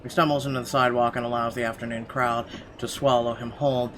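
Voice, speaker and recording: A man who is a let's-play gamer reads the narration of a horror visual novel aloud in a dramatic storytelling style, occasionally stumbling, as game music plays. His voice is medium-pitched, level in tone, fast and a bit bright. There is slight background noise.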